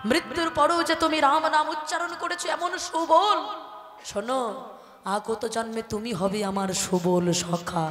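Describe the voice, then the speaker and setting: A woman's voice: high voice, fairly even intonation, moderate pace, fairly bright tone. A woman kirtan singer telling a devotional story as an emotional sermon, addressing her listeners directly. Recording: echoey hall with music.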